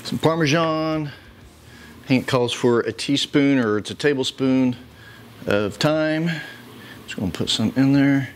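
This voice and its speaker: A man's voice: mid-range voice, measured pace, pauses often, slight background noise. A man hosting a casual home cooking video, joking around and chuckling as he cooks. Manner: joking, easygoing, chuckles often. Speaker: cooking show host. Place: home kitchen.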